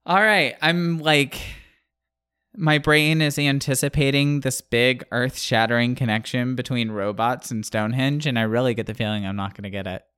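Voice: medium pitch, steady tone, moderate pace, a bit bright, clear, resonant tone, dry recording, clean studio sound. A podcast co-host reacting in casual chat, playful and chatty.

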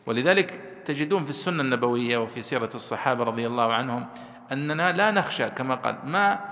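A man explaining a scripture commentary to students, slowing down to spell out word forms and asking them questions. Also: mid-range voice, expressive, pushed and bright, in a large hall, slight background noise. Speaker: teacher explaining Quran commentary. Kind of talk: classroom lesson commentary.

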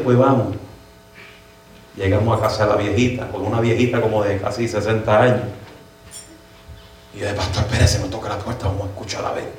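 A man preaching in a church, telling a comic story in an animated way and now and then switching into English. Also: lowish voice, slight background noise. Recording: very echoey church hall, mic from far off.

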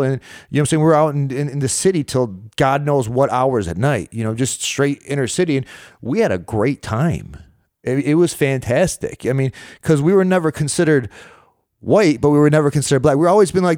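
Speaking at a brisk pace and medium pitch, an American man in his thirties guests on a podcast, spinning stories with plenty of slang and fillers in relaxed conversation. The audio is studio quality, with no room sound.

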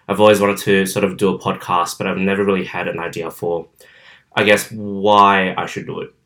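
In his bedroom, with a camera filming, a twenty-one-ish podcast host from southwestern Sydney chats outgoingly through a solo monologue, scattering fillers throughout. His Australian-accented voice is low-pitched and fairly bright, level in tone with some vocal fry, at normal speed.

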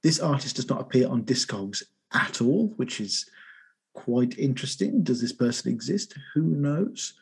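Excitable English man hosting a podcast. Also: medium pitch, normal speed, vocal fry, husky. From England. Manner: enthusiastic, jokey, excitable. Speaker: podcast host. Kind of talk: casual music podcast chat.

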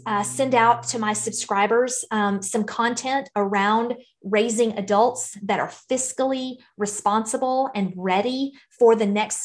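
A woman talking conversationally as a podcast guest, in an earnest, encouraging way. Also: on the high side. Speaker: podcast guest, financial educator for parents. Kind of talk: conversational interview talk.

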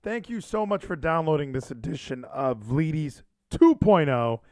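A man's voice: on the high side, animated, a little slow, darkish tone, faint music behind. A man hosting a podcast in casual, rambling chat, often interrupting and repeating himself. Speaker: podcast and livestream host. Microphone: handheld microphone.

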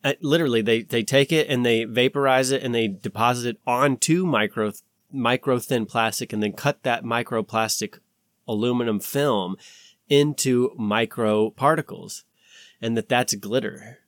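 A man's voice: medium pitch, moderate pace, no echo, clean studio sound. A man talking casually as a podcast host, rambling and swearing, with an insistent, conspiratorial warning tone as he acts out imagined exchanges.

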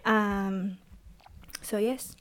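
As a podcast guest, a woman in her thirties from El Salvador tells her personal story haltingly, stopping and restarting many times. She has a Salvadoran Spanish accent and a slightly bright, mid-range voice with fairly even intonation.

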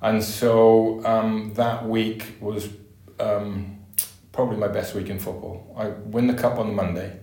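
Male, middle-aged, Welsh Valleys accent. Low voice, casual interview recollections, roomy echoey sound. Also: flat delivery, a little slow, warm tone. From Merthyr Tydfil, south Wales. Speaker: podcast guest, former footballer.

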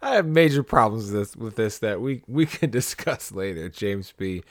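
A man's voice: fairly low pitch, animated, moderate pace, no room sound, studio quality. A man co-hosting a casual comic book talk, summarizing plots in a wry, critical manner. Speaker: podcast co-host.

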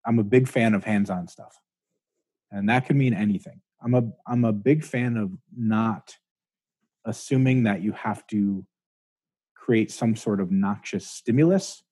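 A low-pitched man with a husky, mellow voice, talking thoughtfully as a chiropractor guest. He explains at length and hedges his claims. The sound is dry and close to the mic. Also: dry recording. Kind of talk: casual interview talk.

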